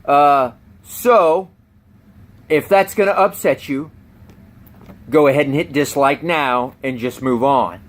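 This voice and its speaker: A man's voice: a little high, takes it slowly, pauses often. A man hosting a comedic news rant, sarcastic and mocking, who laughs at his own jokes. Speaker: YouTube host.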